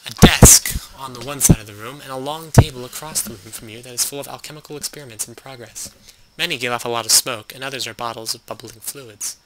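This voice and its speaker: A young man hosting a game playthrough, reading on-screen text aloud with sarcastic, deadpan asides. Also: medium pitch, quick pace, slight background noise, poor audio. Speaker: let's play host.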